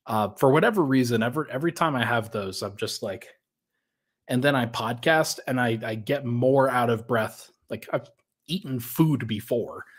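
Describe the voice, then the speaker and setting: A man's voice: medium pitch, normal speed. Slightly breathless male sports podcaster. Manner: conversational, thinks aloud with restarts and fillers. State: a little out of breath. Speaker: podcast host. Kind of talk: casual sports talk podcast.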